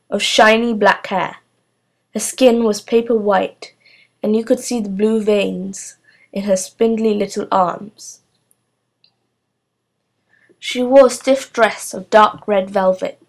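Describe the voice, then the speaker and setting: A woman reads a children's novel aloud, narrating at a steady pace. Her voice sits at an ordinary middle pitch, and her delivery is clear and measured. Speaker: storybook reader.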